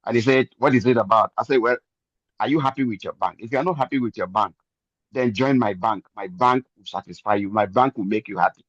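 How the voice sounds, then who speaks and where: A man's voice: fairly low pitch, fairly quick, a bit bright, no echo, highs cut off. An older man giving an earnest, preachy testimony and repeating phrases for emphasis. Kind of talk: motivational testimony.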